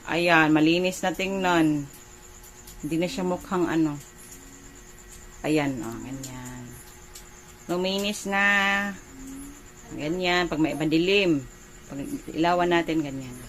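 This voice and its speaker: A woman's voice: sits low, slow, pauses often. Chatty woman from the Philippines vlogging. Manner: chatty, rambling, searches for words with "ano". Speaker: home vlogger and mother. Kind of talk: casual home vlog chat.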